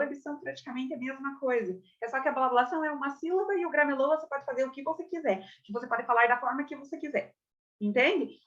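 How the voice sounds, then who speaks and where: A young adult Brazilian woman teaching a casual theater lesson, chatty and expressive, often checking in with her listeners. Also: sits high. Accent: Brazilian Portuguese. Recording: slightly dull lo-fi audio.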